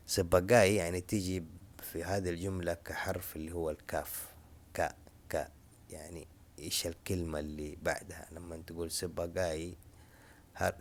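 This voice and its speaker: A man teaching a casual spoken language lesson, explaining slowly and repeating each example phrase. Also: low voice.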